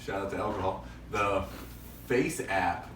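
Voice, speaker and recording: A man's voice: sits low, measured pace, fairly bright tone, distant mic. A man co-hosting a podcast who teases and jokes in casual chat. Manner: joking, teasing. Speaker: podcast co-host. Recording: echoey room, off-mic, clear background noise.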